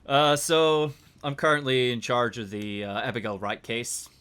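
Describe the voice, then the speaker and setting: A man playing a weary, rattled middle-aged police detective who talks loudly with lots of halting fillers. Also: mid-range voice, level tone, clear, resonant tone, lightly acted.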